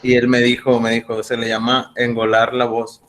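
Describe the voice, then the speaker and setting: Flat-voiced student on a call. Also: male voice, mid-range voice, moderate pace. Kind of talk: class discussion. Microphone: video call.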